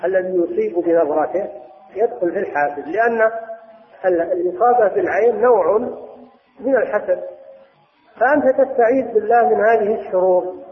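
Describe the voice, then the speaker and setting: A man giving a measured religious lesson as a scholar, explaining step by step with some restarts. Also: high-pitched. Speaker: Islamic scholar. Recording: echoey hall over tinny phone-like line.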